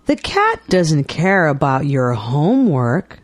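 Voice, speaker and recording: A woman reading everyday dialogues aloud for English learners with clear, deliberate enunciation. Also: deep voice, very animated, no room sound. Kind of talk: slow scripted dialogue reading.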